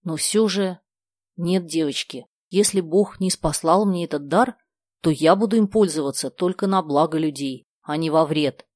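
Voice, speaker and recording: A woman voicing a gentle, thoughtful schoolgirl who speaks softly and earnestly. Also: sits low, normal speed, no room sound.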